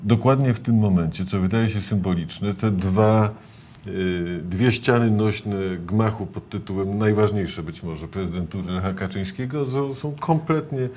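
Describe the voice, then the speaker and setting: A middle-aged man hosting a political TV interview in a studio, asking measured, probing questions. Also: lowish voice, a little mellow, a little hiss or hum. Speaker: TV interview host.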